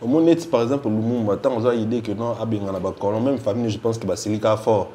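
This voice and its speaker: With a lowish, dark-toned voice and a fast pace, this Congolese-accented man talks as a casual interview guest, switching between two languages. A music fan spokesman, he is emphatic and repeats himself, and slight background noise is present.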